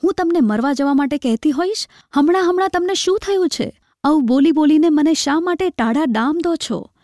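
A woman reading a story aloud, voicing a poor village wife who speaks softly, pleading and tender with her husband. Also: fairly high pitch, moderate pace, no echo, clean studio sound. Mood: hurt.

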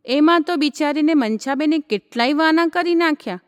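A woman reading aloud as an affectionate young husband in a story, gentle and teasing. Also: high voice, normal speed, in a large hall, natural voice. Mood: tender.

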